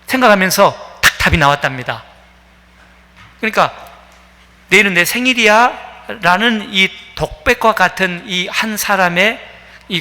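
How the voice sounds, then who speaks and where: A pastor preaches a sermon in a church sanctuary, telling a story full of fillers and acting out the voices he quotes. His voice is high, bright, and forceful, carried by the long reverb of the church hall.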